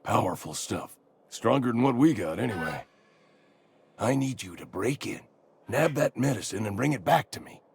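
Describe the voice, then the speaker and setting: A man's voice: medium pitch, animated, normal speed, gravelly, breathy edge, heavily acted. An actor playing a fretful, ailing old man in a video game, theatrically doleful and sure he is dying, with old-fashioned turns of phrase. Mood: anxious, pleading. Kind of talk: video game character dialogue.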